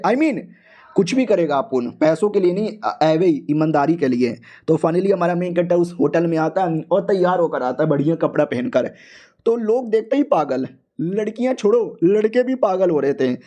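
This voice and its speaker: A man's voice: high voice, animated, moderate pace, mellow. A man narrating a comic manhwa recap in a slangy, joking way, briefly acting out the figures' lines himself.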